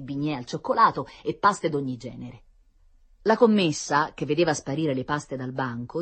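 A woman reading a children's story aloud in an expressive storytelling manner. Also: low-pitched, husky.

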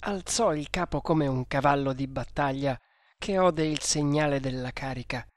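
A man narrating an adventure story in a steady, measured reading. His voice sits a bit high for a man, recorded in a dry, close space. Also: no echo. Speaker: audiobook narrator. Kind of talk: scripted narration.

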